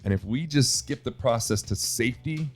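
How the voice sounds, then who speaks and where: A man's voice: medium pitch, normal speed, soft background music. A middle-aged man host, telling stories in casual chat and acting out quoted dialogue. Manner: animated storyteller, acts out quoted dialogue.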